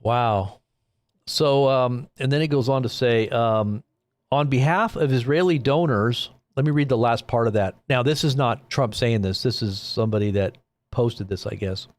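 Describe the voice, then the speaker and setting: A man hosts a live news commentary stream in a loose, rambling way, full of fillers and incredulous asides. His voice sits at an ordinary middle pitch. The recording is dry and close, with no room sound around him. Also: moderate pace, no room sound. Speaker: host.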